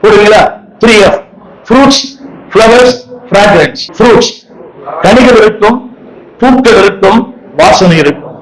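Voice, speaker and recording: A male preacher with a notably high-pitched voice leads a congregation through a sermon. He speaks emphatically, repeating lines and calling on the crowd to echo his words aloud. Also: normal speed, pauses often. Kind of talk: sermon with call-and-response.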